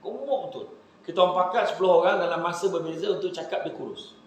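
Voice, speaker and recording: A man preaching with a Malaysian Malay accent, giving a humorous religious talk to a live audience, telling animated stories and joking. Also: high-pitched, fast, slight background noise. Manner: animated joking storytelling, laughs often. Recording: very echoey hall.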